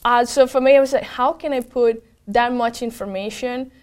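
A young Venezuelan woman, a native Spanish speaker who works as a program manager, answers interview questions in a casual chat. She sounds upbeat, using lots of fillers and restarts. Her voice is on the high side and clean, at normal speed.

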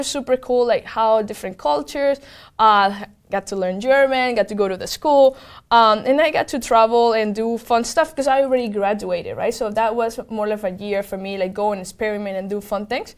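A woman's voice: on the high side, a little fast. A young woman from Venezuela, a native Spanish speaker working as a program manager, answering interview questions in casual chat with many fillers. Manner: upbeat, lots of fillers and restarts.

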